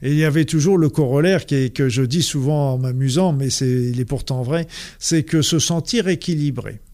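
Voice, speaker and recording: A man with a Norman French accent, a health practitioner explaining his views to an audience, halting often with fillers and repeated words. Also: medium pitch, a little mellow.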